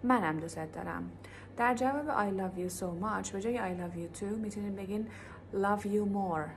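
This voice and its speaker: A woman teaching English in a casual video lesson. She explains quickly, then repeats example phrases slowly for pronunciation. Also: medium pitch, background noise.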